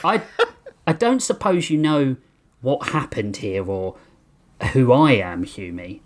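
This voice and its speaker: A man's voice: medium pitch, animated, slow. A man voicing a crude, amnesiac spaceship captain who mutters and swears. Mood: wry.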